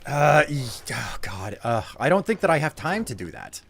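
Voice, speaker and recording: A man in his thirties hosting a casual gaming stream, easily exasperated and quick to swear. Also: fairly high pitch, very animated, gravelly, a bit bright. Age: 30s. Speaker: streamer host.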